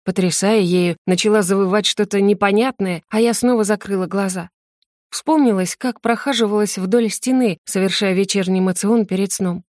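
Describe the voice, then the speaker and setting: A woman narrating a first-person fantasy audiobook in a gentle, expressive storytelling manner. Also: medium pitch, normal speed, dry recording, studio quality.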